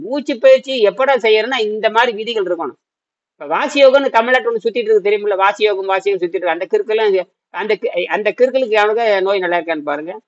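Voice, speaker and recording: A man's voice: high voice, a bit bright, dull audio. A man teaching a naturopathy group in an informal way, blunt and repetitive, often putting questions to his listeners.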